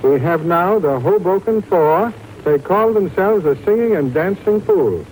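A man's voice: high-pitched, expressive, measured pace, darkish tone. A man announcing acts on a 1930s radio show in a formal showman manner, heard from a worn tape copy of the broadcast. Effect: worn tape copy of a 1935 radio broadcast. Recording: hissy old radio recording from a distance.

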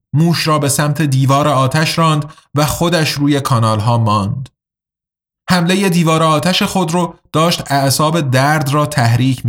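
A man reading a science fiction story aloud as a steady, measured narrator. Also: a little high. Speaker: audiobook narrator. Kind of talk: scripted narration of a sci-fi story.

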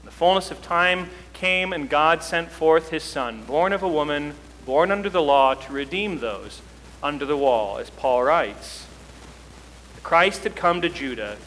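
Male pastor, bright higher voice, long church reverb, conversational preaching. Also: a little slow, slight background noise. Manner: conversational preaching, rising emphasis. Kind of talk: sermon. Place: church sanctuary.

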